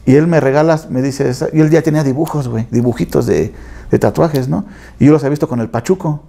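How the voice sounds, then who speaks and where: Mexican guy, kinda high voice, gravelly, tells slangy stories and does the voices. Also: fast talker, warm tone. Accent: Mexican, Mexico City area. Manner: slangy, acts out quoted voices, frequent tag questions. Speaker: tattoo artist interviewee. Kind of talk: casual storytelling interview.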